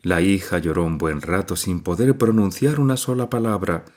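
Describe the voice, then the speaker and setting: A man narrating an audiobook with an expressive, dramatic reading. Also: sits low, normal speed.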